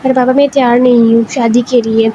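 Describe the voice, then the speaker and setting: A fragile, sorrowful young woman in a spoken storybook, quiet and subdued, as a woman reader puts her on. Her voice sits a little lower than the narration, over a faint hiss. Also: little pitch movement, highs cut off, natural voice. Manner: soft, subdued.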